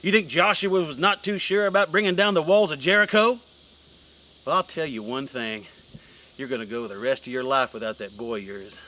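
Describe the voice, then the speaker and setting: A man's voice: mid-range voice, normal speed, pushed and bright, slight background noise, natural voice. A man, playing a rural preacher who rouses a mob with scornful scripture. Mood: preaching. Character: menacing rural preacher leading a lynch mob. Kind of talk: film drama acting.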